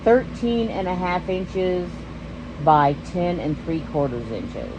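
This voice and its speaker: A Texan woman hosts a stitching vlog, chatting casually in a casual show-and-tell style and rambling until she often loses her train of thought. Her voice is fairly low and sing-song, and she speaks slowly. Background noise is audible.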